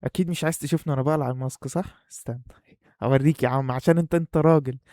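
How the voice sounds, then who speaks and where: A young adult man vlogs to camera in a casual, playful way, his Egyptian Arabic accent clear despite the face mask muffling him and his hard breathing through it. His mid-range voice is steady and darkish, and he talks at a racing pace. This YouTuber's audio is studio quality with no room sound.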